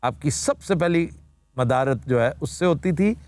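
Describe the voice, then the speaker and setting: Lively, high-voiced man. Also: measured pace, dry recording. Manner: explanatory, lecturing, formal Urdu vocabulary. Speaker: host. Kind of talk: talk show word-origin explanation. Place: TV studio.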